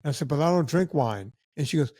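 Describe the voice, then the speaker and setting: Man telling animated stories, dry recording. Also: fairly high pitch, a little fast, no echo. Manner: animated anecdotes with acted-out quotes of other people. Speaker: podcast guest. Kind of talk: casual storytelling.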